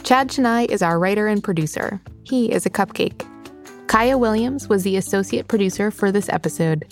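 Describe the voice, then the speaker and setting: A woman hosting a children's cooking podcast, reading scripted announcements and credits clearly and in a friendly way. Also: medium pitch, normal speed, soft background music. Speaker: podcast host.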